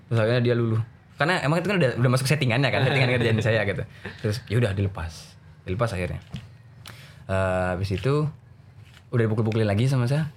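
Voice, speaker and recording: A young man who teaches at a religious boarding school, telling a story in casual chat and acting out his students' voices. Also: slight background noise. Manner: animated, acts out voices of students in a raised pitch.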